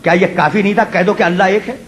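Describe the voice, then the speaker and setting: A man preaching an impassioned sermon to a gathered audience, repeating his phrases, calling his listeners brother and building to shouted peaks. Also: high-pitched, fairly even intonation, slight background noise. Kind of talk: impassioned Urdu sermon storytelling. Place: religious gathering before a live audience.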